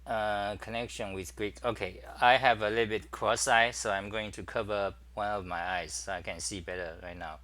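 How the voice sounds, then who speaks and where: A man hosting a casual livestream, demonstrating his computer workflow and greeting viewers, talking haltingly with many fillers and restarts. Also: on the low side, fairly even intonation, fairly bright tone. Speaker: talk show host. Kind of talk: casual screen-share livestream.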